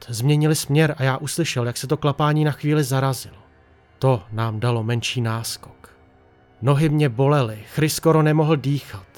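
A man narrating a horror story in a tense, hushed storytelling manner. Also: medium pitch.

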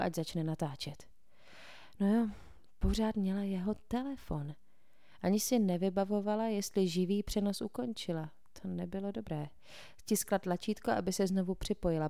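A woman narrating a novel aloud, reading in a steady, clear way. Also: on the low side, no echo, clean studio sound. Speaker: audiobook narrator. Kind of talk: scripted narration.

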